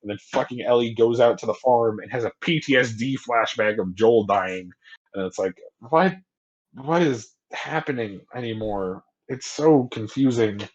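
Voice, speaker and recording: A young man talks in a loose, rambling podcast chat, swearing often and dropping into brief mocking voices as he retells things. His pitch sits in an ordinary middle range. The audio is a bit dull and lo-fi. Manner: rambling, profane, animated retelling with quick mock voices. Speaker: podcast co-host. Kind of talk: casual chat.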